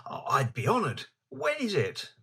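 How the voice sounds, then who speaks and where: Husky, lively Inspector Lestrade. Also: male voice, on the high side, unhurried, full character voice. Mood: eager. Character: eager, slightly slow male Victorian police inspector. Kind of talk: audio drama acting.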